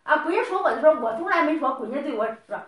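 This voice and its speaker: A woman's voice: high voice, expressive, racing, fairly bright tone, roomy sound. A middle-aged woman scolding someone in a heated family argument, lecturing and firing off repeated questions.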